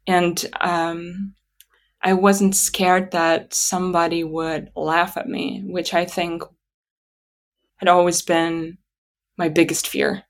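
A woman whose native language is Russian speaks in a slightly low voice. She tells stories about herself conversationally, pausing and thinking aloud as she goes. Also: flat delivery. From Kazakhstan. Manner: halting, reflective, thinking aloud. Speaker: interview guest. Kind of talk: conversational personal storytelling.

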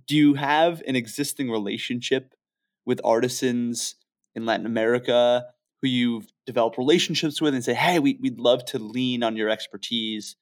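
A man hosting an interview, asking questions in a conversational way. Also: mid-range voice. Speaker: podcast host.

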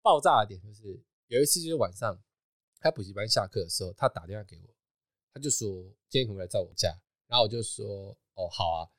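Animated fast-talking man. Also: lowish voice, no room sound, studio quality. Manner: animated storytelling, laughing often. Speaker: podcast host. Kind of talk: casual chat.

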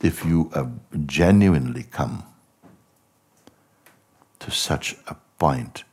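A man giving a contemplative spiritual talk as a teacher, speaking slowly and reflectively, posing many rhetorical questions and often trailing off softly. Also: a bass voice, lively intonation, slightly rough.

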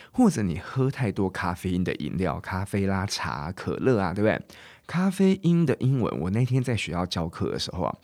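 A man hosting a podcast English lesson, chatty and casual, drilling words slowly and often asking "OK?". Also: fairly low pitch, dry recording, clean studio sound. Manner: casual, chatty teaching in Mandarin mixed with English. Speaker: English teacher and podcast host.

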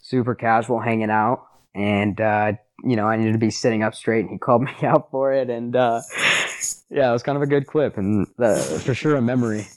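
A man's voice: mid-range voice, steady tone, fairly quick. Young American guy, laid-back bro talk. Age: young adult. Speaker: podcast guest, sports podcast host. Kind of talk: casual chat, telling stories.

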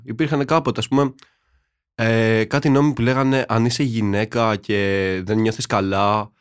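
A young man co-hosts a casual podcast, spinning slangy, tongue-in-cheek stories. His voice sits on the low side and the sound is dry and close. He keeps an ironic edge. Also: no echo. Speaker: podcast co-host. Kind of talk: casual chat.

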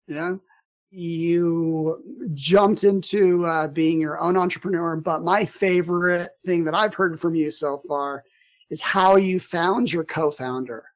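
A man's voice: a little high, fairly even intonation, takes it slowly. Male podcast host, easygoing interviewer, lots of "uh"s and restarts. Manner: chatty, lots of fillers and restarts. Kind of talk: casual interview.

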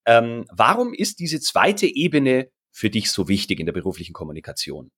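A man's voice: mid-range voice, big pitch swings, normal speed, a bit bright, husky. A man interviewing a guest, asking long, hesitant questions with fillers. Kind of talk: conversational interview.

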